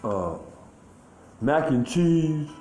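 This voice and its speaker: A man talking in a rambling, halting way, full of fillers and restarts, in a casual monologue recorded outdoors. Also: fairly high pitch, sing-song, warm tone, roomy sound, soft background music, poor audio.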